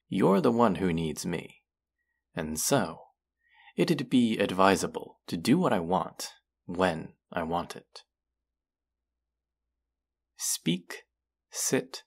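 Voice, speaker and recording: A male actor gives a heavily acted turn as a smug, condescending young college man angling for a rich-kids' club, in an audio roleplay. His very deep voice carries gravelly fry, and he addresses the listener directly in a haughty, sardonic drawl.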